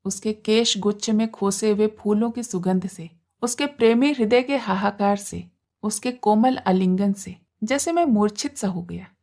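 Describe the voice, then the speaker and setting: A woman narrating a literary short story in a measured, expressive storytelling manner. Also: medium pitch. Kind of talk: scripted audiobook narration.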